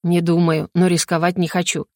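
A calm, brisk man offering reassurance, read by a woman narrator in her own voice. Steady and level, in a dry close sound. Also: on the low side, no room sound, lightly acted. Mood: reassuring.

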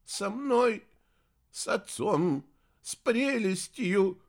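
A man voicing an old sorceress, a grieving mother who speaks softly and tearfully, in an audiobook. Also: high voice, lively intonation, very slow, pitched above the performer's own voice, full character voice. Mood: tender tearful. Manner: soft, tearful, pleading. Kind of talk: audiobook character voice.

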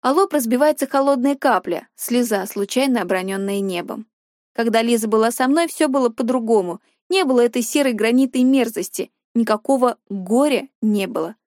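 A woman reading a first-person audiobook in an emotional, expressive way. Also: fairly high pitch, normal speed, no echo, clean studio sound. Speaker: audiobook narrator.

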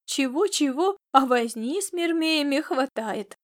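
A woman voicing a calm, gently reassuring young woman. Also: sits high, a little slow. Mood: calm gentle. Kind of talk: audiobook character reading.

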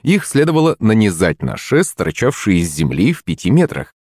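A man narrating an audiobook story in the first person, expressive and lively. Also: on the low side, moderate pace, slightly rough, no room sound, studio quality.

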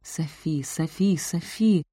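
A teasing, affectionate young man, put on by a woman narrator grumbles sleepily in a low, mumbling voice. The tone is dark and warm, recorded close and dry. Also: lively intonation, moderate pace, no room sound, natural voice. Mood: murmuring.

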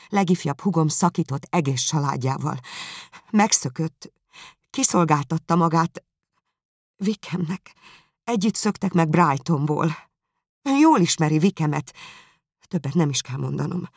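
A woman's voice: sits low, lively intonation, vocal fry, pauses often, no room sound, studio quality, exaggerated voice. A reader voicing a distraught young woman in an audiobook, with a pleading, breathless outcry.

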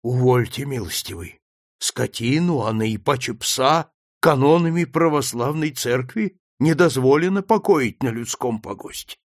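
A man's voice: mid-range voice, lively intonation, unhurried, no room sound, studio quality. Man doing a timid pleading village priest. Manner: fearful, pleading, fawning.

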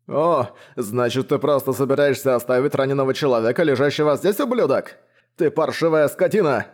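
A man's voice: medium pitch, a little fast, close to an everyday voice. A man voicing a plump, cowardly aristocrat baron in an audiobook, wailing and full of self-pity. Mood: furious. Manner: wailing, self-pitying cries of pain. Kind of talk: audiobook reading.

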